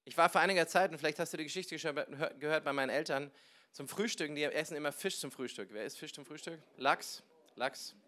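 A male pastor delivers a sermon with a slightly higher-pitched voice. He tells personal anecdotes in a lively, conversational way, acting out the people in his stories and sometimes breaking into loud bursts. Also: a little fast. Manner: lively storytelling, acting out dialogue with sudden loud outbursts.

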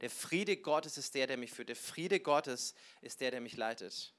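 A man preaching a sermon, telling personal stories with lively, animated delivery and acting out conversations with sudden loud bursts. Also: medium pitch, a little slow. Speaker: pastor.

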